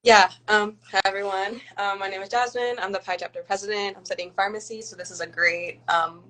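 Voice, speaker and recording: A woman's voice: mid-range voice, fairly even intonation, a little fast, sharp tone, poor audio. A young woman in her twenties, a pharmacy student interviewing a guest, eager and tripping over her words at times. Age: 20s. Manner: eager, stumbling restarts. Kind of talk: asking interview questions.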